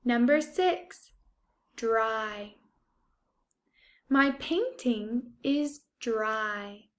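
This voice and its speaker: A woman with a high voice speaks as a first-grade teacher dictating a spelling test. Her pace is extremely slow and deliberate, with each word enunciated for young pupils. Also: lively intonation, a bit bright. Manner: deliberate, enunciated, repeats single words.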